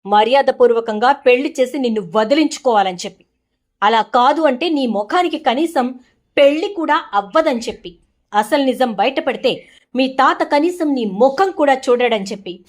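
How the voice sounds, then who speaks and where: A firm, reproachful middle-aged mother, voiced by a woman narrator speaks in a high voice. She scolds in a cutting, emphatic way, a stern storybook parent laying down the truth. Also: lively intonation, normal speed.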